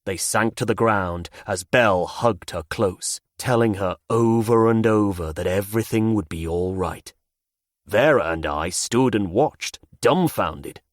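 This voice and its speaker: A man narrating a fantasy audiobook in first person with a measured delivery. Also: lowish voice, no echo, clean studio sound.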